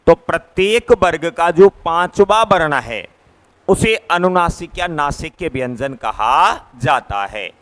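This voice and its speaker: A man teaching a grammar lesson in a classroom, his fairly high voice smooth and clear. He speaks slowly and patiently, sounding out each letter in turn and going back over his points. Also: animated, fairly bright tone. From Rajasthan, India. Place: classroom, writing on a board.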